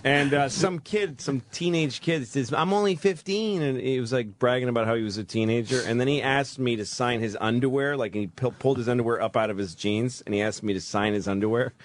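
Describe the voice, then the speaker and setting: A man's voice: mid-range voice, fairly quick, hardly any pauses. Matter-of-fact male storyteller. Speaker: comedian guest. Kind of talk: casual storytelling on a radio talk show.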